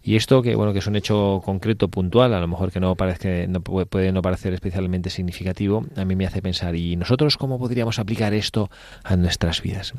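A middle-aged man hosting a religious radio discussion, speaking in a measured, reflective way and often tagging on a questioning "no". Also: deep voice, fairly even intonation, a little mellow, dry recording.

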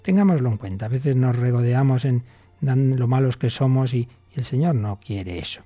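Man with a Spain Spanish accent, radio catechism presenter; deep, mellow, slightly husky tone, earnest and encouraging, dry lo-fi broadcast recording. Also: expressive, normal speed, dry recording. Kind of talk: reading a listener's letter with spoken reflection.

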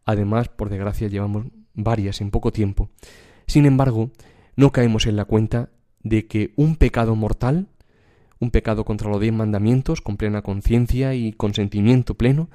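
A man's voice: on the low side, normal speed, mellow. A man preaching a devotional sermon and reading a spiritual text aloud, in an earnest, emphatic cadence.

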